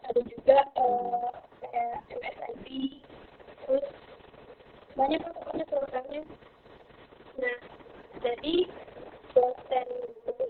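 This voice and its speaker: A young woman in her twenties talks over a phone call, rambling and pausing to search for words. Her voice sits high. The line is narrow and phone-like, with a faint hiss behind. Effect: heard over a phone or online call. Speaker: interviewee. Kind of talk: casual interview.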